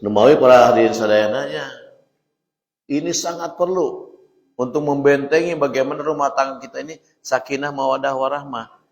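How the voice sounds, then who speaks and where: A man with a Sundanese accent preaching a mosque sermon, telling stories lively, laughing and turning to his listeners. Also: medium pitch, normal speed, long pauses. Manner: lively storytelling with laughter and asides to the audience. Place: mosque hall. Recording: echoey mosque hall.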